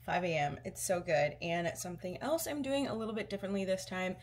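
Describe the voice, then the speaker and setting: A woman's voice: on the low side, lively intonation, a little fast. A woman chatting casually to camera as a vlogger, in an informal, everyday way. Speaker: running vlogger.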